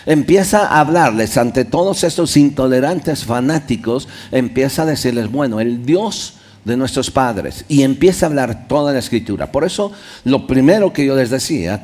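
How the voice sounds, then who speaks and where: Pastor preaching with loud rises and soft drops. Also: male voice, medium pitch. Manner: stops to read Bible verses and explain them. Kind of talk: sermon. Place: church.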